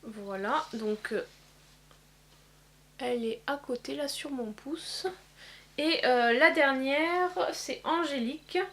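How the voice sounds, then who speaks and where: A woman demonstrating eyeshadow swatches in a casual vlog, pausing often with fillers. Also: high voice, fairly bright tone, a little hiss or hum. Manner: hesitant, many filler pauses. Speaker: beauty vlogger. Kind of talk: casual makeup swatch demo.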